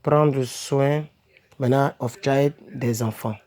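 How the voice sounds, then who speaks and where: Slow-paced man teaching English words. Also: medium pitch, steady tone, a little mellow. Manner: repeats words slowly, asks "n'est-ce pas?" and "ok?" often, self-corrects. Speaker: English teacher for French speakers. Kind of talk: casual home-made vocabulary lesson.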